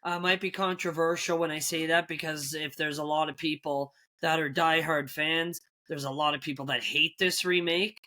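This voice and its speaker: A man in his thirties co-hosting a casual podcast, talking haltingly with many pauses and restarts. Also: fairly high pitch, steady tone, bright, forceful tone. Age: 30s. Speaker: podcast co-host. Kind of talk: casual horror movie chat.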